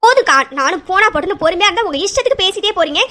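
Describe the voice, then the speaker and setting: A woman's voice: very high-pitched, animated, rapid-fire, sharp tone, heavily acted. A woman voicing a protective middle-aged mother in a cartoon serial, firm and defiant. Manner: firm, pleading then defiant.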